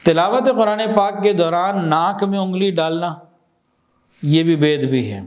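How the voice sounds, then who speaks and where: High-voiced man giving a religious talk. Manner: explains with examples, asks the listener questions; repeats phrases slowly for emphasis. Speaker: Islamic teacher.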